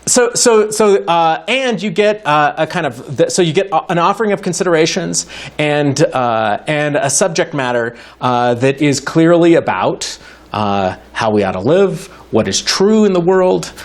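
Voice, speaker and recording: A man giving a university lecture to a live audience in a hall, wry and joking, thinking aloud with frequent restarts. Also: on the high side. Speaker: guest lecturer in philosophy.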